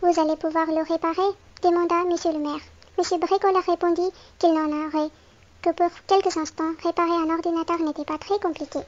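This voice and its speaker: A woman reads a children's picture book aloud, with a very high, light voice. She tells it clearly and expressively, as if to a small child. The recording sounds dull and lo-fi. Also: fairly even intonation, a little fast. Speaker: storybook reader.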